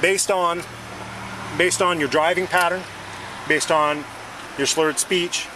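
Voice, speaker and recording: A police officer talks to a driver at a roadside, recorded on a body-worn camera, with clear traffic noise behind him. His voice sits a little high for a man. He stays calm and procedural, and keeps checking in with "okay". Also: takes it slowly. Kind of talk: bodycam questioning at a crash scene. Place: outdoors by a car at a roadside. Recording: noisy bodycam audio with traffic.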